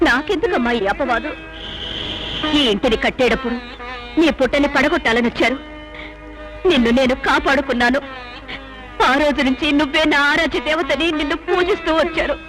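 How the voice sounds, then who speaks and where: A proud, unmarried village matriarch, played by an actress, who speaks with stern, accusing force. Her voice sits high. Loud background music runs under the film's dialogue. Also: normal speed, pauses often, lightly acted, poor audio. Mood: tearful prayer. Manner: stern, accusing, pleading in prayer. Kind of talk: melodramatic film acting. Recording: film soundtrack with loud music.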